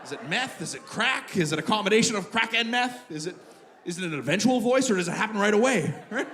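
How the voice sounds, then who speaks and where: A man performing a live stand-up comedy set, animated, firing off rhetorical questions and shouting out punchlines. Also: sits high, fast. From Canada. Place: live comedy show in a venue. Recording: live venue with loud audience noise.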